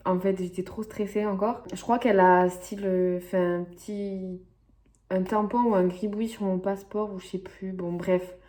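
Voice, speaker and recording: A woman's voice: medium pitch, little pitch movement, moderate pace, warm tone. A young woman from the French Basque Country telling a story to camera in a chatty, rambling way, full of fillers and asides. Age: young adult. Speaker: vlogger. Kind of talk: casual storytelling vlog.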